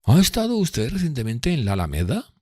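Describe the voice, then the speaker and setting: Brief: haughty, mocking young gentleman rival in a storybook reading, pitched up high and drawling disdain, as a male narrator puts him on. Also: wildly swooping pitch, a little fast, no echo, clean studio sound. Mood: disdainful. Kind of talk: audiobook character voice.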